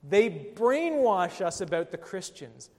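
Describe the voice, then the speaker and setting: A man's voice: high-pitched, sing-song, slow pace, a little mellow. A man, a pastor, delivering a sermon with an emphatic, rising and falling delivery. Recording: long hall reverb.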